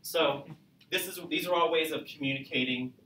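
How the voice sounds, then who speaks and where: Bright-voiced male lecturer in an echoey classroom. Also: on the high side, moderate pace, far from the mic, a little hiss or hum. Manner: conversational, demonstrative, asks the class questions. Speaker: college speech instructor. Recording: echoey classroom recorded from afar.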